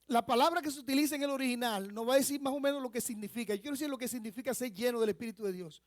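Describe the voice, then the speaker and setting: This Dominican Republic pastor has an extremely high-pitched voice, captured dry and studio-clean. Standing in the church sanctuary, he explains a word during his sermon and teaches by putting rhetorical questions to the congregation.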